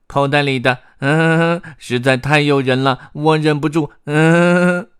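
A man voicing a greedy young boy, talking high and mumbly. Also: steady tone, slow pace, fairly bright tone, clear, resonant tone. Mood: guilty.

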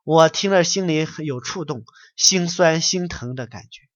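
A man's voice: fairly high pitch, moderate pace, no echo. Scolding male Buddhist preacher, muffled. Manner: scolding, blunt and colloquial. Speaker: Buddhist lecturer. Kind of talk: reading out a letter and preaching on it. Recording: dull, muffled dry recording.

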